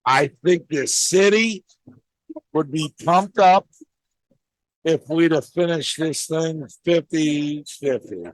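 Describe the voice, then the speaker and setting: A man's voice: a little high, slow pace, dry recording, rough recording. A man with a St. hosting a casual promotional chat from his bar, enthusiastic and fired up. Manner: enthusiastic, hyped-up booster. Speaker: bar owner and podcast host. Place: indoors at a bar.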